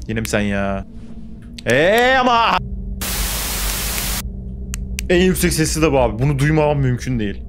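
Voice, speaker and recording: A man's voice: medium pitch, big pitch swings, fairly quick, background noise. A young man playing a horror game, commenting on the action, getting jumpy and swearing back at the game. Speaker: gaming YouTuber.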